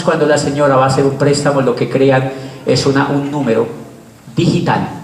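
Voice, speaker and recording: A man's voice: medium pitch, a little hiss or hum. Emphatic Colombian man, echoey room. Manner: emphatic, rhetorical questions and repetition. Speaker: speaker. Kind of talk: live lecture. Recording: echoey room, mic far off.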